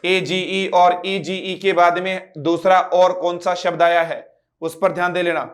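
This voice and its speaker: A high-voiced man delivers an online English lesson at a measured pace and with a flat delivery. He repeats words and spells each one letter by letter, asking students to repeat and quizzing them with rhetorical questions.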